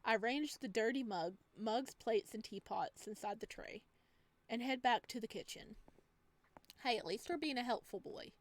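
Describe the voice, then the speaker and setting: Hosting a let's play, a woman reads a visual novel aloud, adding playful, expressive casual commentary. Her voice is a little high and she speaks at normal speed.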